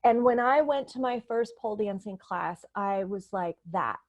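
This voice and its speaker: A woman's voice: medium pitch, animated, moderate pace. A woman from Puerto Rico, a coach and speaker, telling her story in an earnest, reflective way during a stage interview. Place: convention expo venue.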